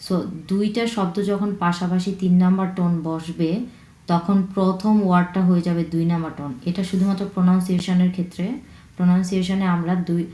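A woman from China teaching a language lesson, patiently repeating words slowly to drill pronunciation. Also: fairly low pitch, warm tone. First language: Chinese. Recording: echoey room.

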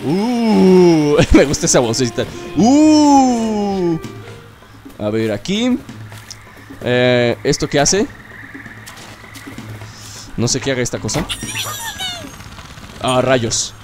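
A young man, chatting excitedly as he plays through a video game and cheers himself on. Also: mid-range voice, slow, pauses often. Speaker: gaming YouTuber. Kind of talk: let's play commentary. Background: game music.

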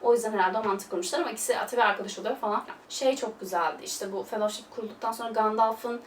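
A woman's voice: a little high, very fast. Gushing young woman in a roomy space. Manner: gushing, chatty, loose filler-heavy talk. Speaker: film vlogger. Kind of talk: casual film review chat. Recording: roomy, distant mic, faint hiss.

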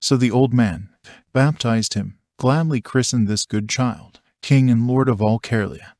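A man narrating an audiobook in a measured, even reading. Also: mid-range voice, no room sound.

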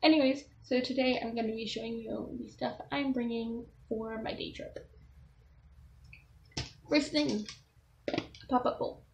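A young woman with a fairly high voice chats loosely to her camera, showing off gear with lots of ums and restarts. A faint hiss sits under her casual vlog talk. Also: fairly even intonation, unhurried, vocal fry, pauses often. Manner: rambling, self-correcting, with frequent ums. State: has the hiccups. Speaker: vlogger with a service dog. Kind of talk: casual show-and-tell vlog.

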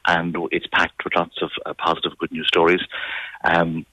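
A man's voice: sits low, completely flat delivery, moderate pace, pushed and bright, a little hiss or hum, rough recording. A man with a West of Ireland accent giving local news as a radio interview guest, in wordy, formal phrasing with some stammered word starts. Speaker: magazine editor, radio guest.

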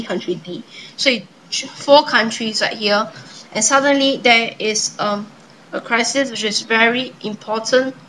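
A young woman casually presenting a card trick, improvising her patter in a hesitant, halting way. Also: on the high side, sharp tone. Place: indoors at a table. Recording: noisy home webcam-style recording.

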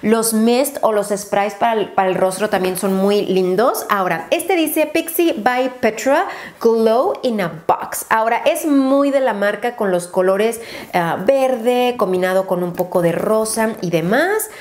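A woman's voice: on the high side, unhurried, a little mellow. A woman, a beauty YouTuber talking chattily and gushing through a casual unboxing haul, dropping English exclamations.

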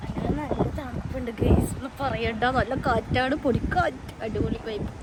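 High-pitched woman vlogging in loud wind. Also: moderate pace. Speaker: family vlogger. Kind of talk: casual chat to camera on an outing. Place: outdoors in wind, on outings. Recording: very noisy windy outdoor recording.

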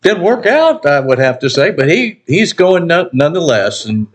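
An older man co-hosting a music reaction, chatting in a relaxed, repetitive way and chuckling often. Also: fairly high pitch, normal speed. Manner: easygoing, repeats himself, chuckles often. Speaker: reaction channel co-host. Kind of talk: casual chat. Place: indoor home room.

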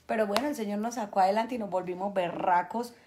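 A young woman, host of a spiritual healing show, telling an emotional family story in a casual, animated way. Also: mid-range voice, fast talker, a little hiss or hum. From Colombia.

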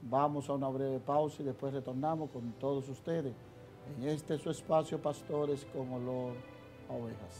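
A man's voice: medium pitch, fairly even intonation, normal speed, loud music behind the voice. A man, a priest hosting a TV show, speaking affectionately to viewers and his guest. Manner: affectionate, uses fond forms of address. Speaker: priest and TV host. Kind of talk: warm presenter chat. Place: TV studio set.

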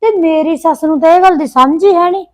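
A woman's voice: very high-pitched, quick pace, darkish tone. An actress playing a married daughter who chats and complains about her mother-in-law, with a Punjabi accent. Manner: chatty and complaining. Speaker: actor. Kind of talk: village short-film acting.

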